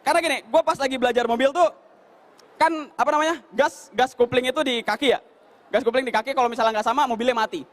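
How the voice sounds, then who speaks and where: High, fast-talking stand-up comedian man. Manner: fast, animated storytelling that slips into shouted and mimicked voices.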